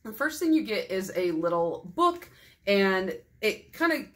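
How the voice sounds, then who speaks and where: A woman's voice: mid-range voice, sing-song, measured pace. A young woman talks through a casual haul vlog in a chatty, self-deprecating way, laughing often. She is tired and her voice is going. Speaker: nail polish YouTuber.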